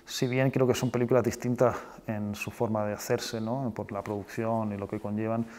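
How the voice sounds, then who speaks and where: Being interviewed about his own work, a film director from Spain and Chile speaks in a fairly low, darkish voice with flat delivery. He's reflective and halting, feeling his way through ideas, and often ends a phrase with a short questioning tag.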